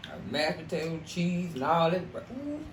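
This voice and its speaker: A man's voice: a little high, very animated, moderate pace. A man in casual mukbang chat, talking as he chews his food. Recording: echoey, noisy, distant mic.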